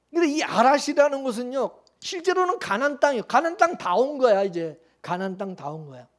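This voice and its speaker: A man preaching a sermon as the pastor, in a loose conversational way, constantly throwing questions back at the congregation. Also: very high voice. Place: church.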